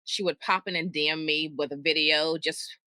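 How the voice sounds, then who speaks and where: A woman co-hosting a podcast in casual chat, reacting to her co-host in an amused, lively way. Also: sits low, normal speed, no room sound.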